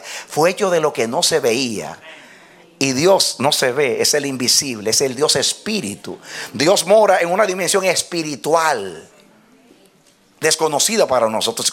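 A man preaching a sermon to a congregation, calling out to them and swinging between loud exclamations and low, quiet lines. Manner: calls out to the congregation.

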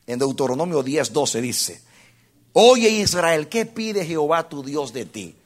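A man preaching a sermon to a congregation, impassioned, asking them questions and repeating phrases for emphasis, swinging from hushed to loud. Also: fairly high pitch, sing-song, a little slow. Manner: addresses the congregation directly with questions.

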